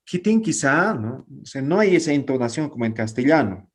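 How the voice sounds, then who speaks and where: Patient male teacher, mid-pitched voice. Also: lively intonation, fairly quick, a little mellow. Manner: patient, explanatory, keeps checking understanding. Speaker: language teacher. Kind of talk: online class lecture.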